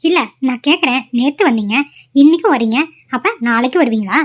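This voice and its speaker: A woman's voice: high-pitched, expressive, fairly quick. A woman voicing a stern, short-tempered young mother in a cartoon, speaking harshly and scolding. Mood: angry. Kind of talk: cartoon voice acting. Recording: dull lo-fi recording.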